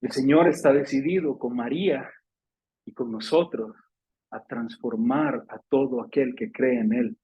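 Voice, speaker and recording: A man's voice: unhurried, breathy edge, dull audio. A male pastor with a Salvadoran Spanish accent preaching a fervent, emotional sermon in a church, acting out quotes with sudden exclamations. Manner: animated, acts out scripture quotes with sudden high-pitched exclamations.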